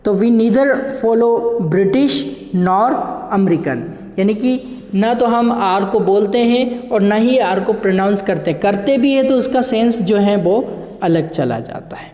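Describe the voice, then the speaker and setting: A man's voice: high voice, slow, warm tone. A man teaching English pronunciation in a recorded lecture, drilling words by asking questions and answering them himself. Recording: echoey hall with long reverb.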